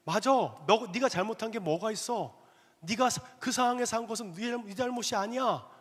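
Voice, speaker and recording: Man putting on a devil voice, flattering, coaxing, high and loud, long church reverb. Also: fairly quick. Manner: soothing, egging on. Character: coaxing, flattering male devil tempting within.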